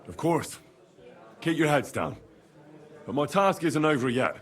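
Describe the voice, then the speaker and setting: A man's voice: on the high side, very animated, measured pace. An actor playing an earnest, polite young male hero in a medieval video game.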